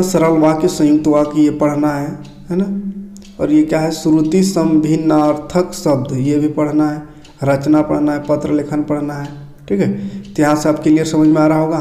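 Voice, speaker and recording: A man runs through a casual screen-shared lesson, handling each point in turn and repeatedly checking with tag questions that his students are following. His voice is a touch high, with a mellow warmth. The recording echoes noticeably, as in a bare room.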